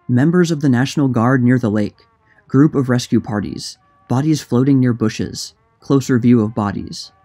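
A man reads scripted narration in a mellow, relaxed voice. His pitch sits in the middle of the male range. Faint music plays behind him. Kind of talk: scripted narration, reading a period magazine article.

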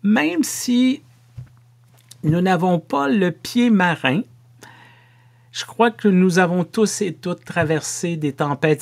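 Recorded in a home office, a middle-aged man with a Québécois French accent preaches to camera as a pastor. The voice is fairly high-pitched and a touch mellow, and the pace stays slow and measured, lightened by playful asides.

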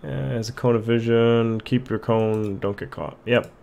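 A man's voice: medium pitch, fairly even intonation, a little slow, creaky, warm tone, dull audio. A man hosting a let's play, casually commenting and reading the game's text aloud with a chuckle. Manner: reads on-screen text aloud, chuckles, hums along. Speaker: gaming channel host.

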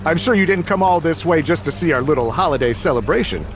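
A theatrical older gangland boss for a video game. His high voice swoops widely, mocking and menacing, with loud music behind. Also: lively intonation, fast talker. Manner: theatrical, sneering. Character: menacing, mocking, hot-tempered male gang boss.

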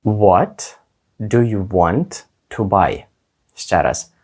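A man teaching a spoken English lesson, modelling phrases slowly and carefully for listeners to repeat. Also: lowish voice, expressive, darkish tone.

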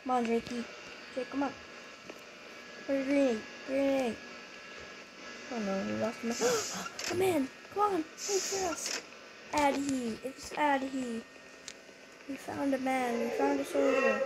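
A young female gamer chatting excitably and getting easily startled while playing a game with friends. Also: sits high, takes it slowly, pauses often. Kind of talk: casual gameplay commentary. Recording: noisy home recording.

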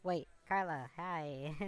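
A woman talking through a voice changer that shifts her pitch down, chatting playfully with her stream and greeting viewers by name on a headset mic. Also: extremely slow, clean tone. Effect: voice changer, deep pitch shift. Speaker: game streamer. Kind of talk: casual live-stream chat.

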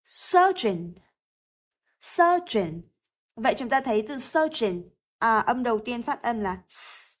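A woman with a Vietnamese accent, teaching English lessons. She goes slowly and carefully through textbook exercises and repeats words to model their pronunciation. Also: fairly high pitch.

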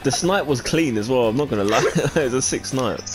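A man's voice: medium pitch, animated, fast, low-quality recording. A man chatting in a gaming voice call, slangy and giggly. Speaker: gamer in voice chat. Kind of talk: casual gaming banter. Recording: voice chat over loud music.

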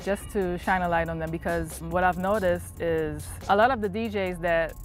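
A woman's voice: lowish voice, fairly even intonation, normal speed, faint music behind. A woman, a DJ speaking in an easygoing documentary interview outdoors in a park, often saying "you know" and "um". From Trinidad.

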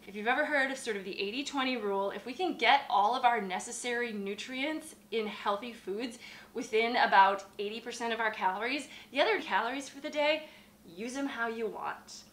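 A woman's voice: fairly high pitch, expressive, normal speed, fairly bright tone. A woman in her thirties, a dietitian hosting her own channel, explaining things in a friendly, upbeat way from her home kitchen as she talks with her hands. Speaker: dietitian host. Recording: echoey kitchen.

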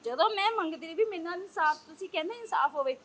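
A young Punjabi woman with a Punjabi accent, giving an agitated interview to reporters and pressing one rapid rhetorical question after another. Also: extremely high pitch, expressive, fairly bright tone, a little hiss or hum. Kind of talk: heated street interview.

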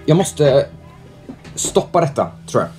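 A young man doing chatty let's-play commentary at home, reading out the game's prompts, joking with it and reacting loudly to scares. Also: a little high, sing-song, faint music behind. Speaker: gaming youtuber. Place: at home, indoors.

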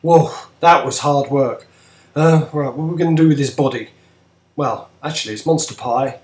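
A man voicing Wormtail, a cheerful male rat-man hosting a cooking show in an amateur brick-film cartoon, with chatty, lively cooking-show patter. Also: mid-range voice, normal speed, close to an everyday voice. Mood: chirpy. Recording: echoey room.

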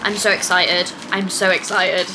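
A woman's voice: lowish voice, little pitch movement, a little slow, noisy background. A woman in her twenties chatting casually to camera in a small bedroom, upbeat and full of fillers. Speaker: lifestyle vlogger. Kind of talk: casual vlog chat to camera. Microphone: camera mic at close range.

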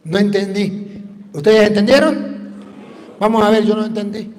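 A priest preaching a sermon, telling a story and acting out its voices, rising to fervent emphasis. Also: male voice, sits high, steady tone, moderate pace, long reverb tail.

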